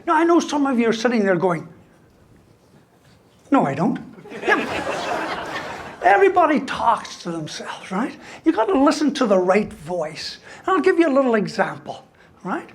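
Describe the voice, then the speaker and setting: Joking man with a husky voice. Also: very high voice, sing-song, moderate pace. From Ireland. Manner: joking, ends lines with "right?". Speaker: university lecturer giving a talk. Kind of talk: humorous motivational talk.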